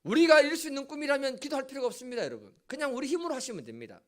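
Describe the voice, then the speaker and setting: In a church sanctuary, a middle-aged male pastor preaches a sermon in a very high-pitched voice at a very fast clip. He tells a story with animation, breaking off for asides to the congregation.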